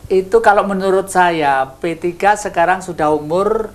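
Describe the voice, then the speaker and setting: A man's voice: high-pitched, normal speed. An older man hosting a studio talk show, folksy and philosophizing, teasing his guests. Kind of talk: relaxed studio chat.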